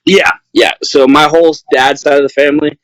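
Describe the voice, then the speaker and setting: A relaxed young man chats loosely as a podcast guest, wandering through his answers with plenty of "like" and "um". His voice comes through a webcam on a video call, dry and close with no room sound. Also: fairly high pitch, fairly quick, no echo, low-quality recording. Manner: laid-back, rambling with many fillers. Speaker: guest, pro wrestler. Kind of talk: casual podcast interview.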